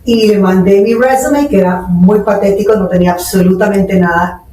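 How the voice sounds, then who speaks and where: A woman in her forties from Nicaragua, guesting on a podcast as an entrepreneur, speaks at a moderate pace in a mellow, mid-range voice. She's earnest and anecdotal, code-switching into English terms, recorded on a distant mic in an echoey room with slight background noise.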